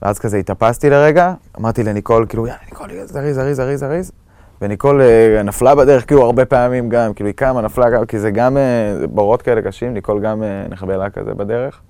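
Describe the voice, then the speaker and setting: A young man from Israel tells what he lived through in a halting, shaken way, breaking off and restarting. His voice sits fairly low. The sound is close and dry, with no room around it. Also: dark tone, no echo. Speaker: eyewitness recounting an attack. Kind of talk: personal testimony.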